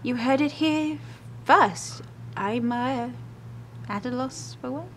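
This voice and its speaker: A woman's voice: sits high, slow pace, fairly bright tone, soft background music, full character voice. A young woman playing a chatty, over-polite, foul-mouthed noblewoman vlogger in a comedy sketch. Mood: hesitant, polite. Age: young adult. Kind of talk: parody vlog sketch, scripted comedy. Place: indoor studio, seated before camera.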